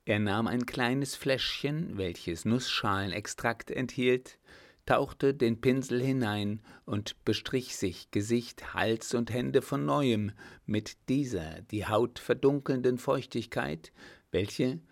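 A man reading a novel aloud as an audiobook narrator, in a steady, unhurried way. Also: medium pitch, gravelly. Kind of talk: scripted narration.

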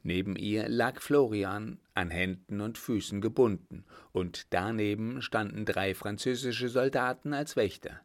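A man narrates a classic adventure audiobook in a low, steady voice. His delivery is measured and even, reading the story at a calm storytelling pace.

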